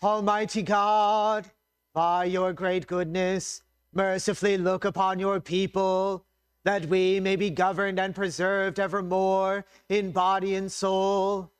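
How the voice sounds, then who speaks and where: High-voiced man leading liturgy in echoing space. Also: little pitch movement, smooth. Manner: solemn, measured, reverent delivery. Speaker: liturgist leading a church service. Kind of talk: chanted and spoken liturgy with scripture reading. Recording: echoey church-like reverberant space, faint music.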